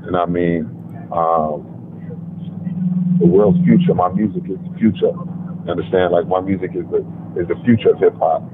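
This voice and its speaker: A man's voice: deep voice, fairly even intonation, normal speed, long pauses. A man from Brooklyn, a rapper calling in over the phone for a radio interview, talking in a laid-back, confident way with many fillers. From Brooklyn, New York. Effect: heard over the phone. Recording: tinny phone line, faint noise.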